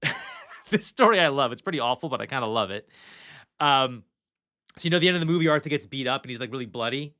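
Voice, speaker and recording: Bright-voiced chatty male podcast host. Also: mid-range voice, animated, fast, long pauses. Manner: chatty, reads trivia off notes, casual swearing. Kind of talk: casual movie podcast chat.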